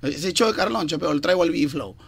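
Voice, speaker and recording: A man hosting a playful radio show, teasing his co-hosts and singing a song line slowly. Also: a little high, gravelly, very noisy. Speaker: radio host.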